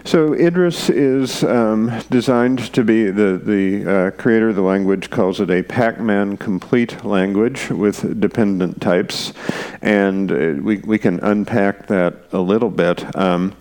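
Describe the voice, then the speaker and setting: A man's voice: on the low side, slow pace, a little mellow. A man speaking as an interview guest, explaining a programming topic off the cuff, hesitant with many fillers and restarts. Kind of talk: unscripted technical explanation.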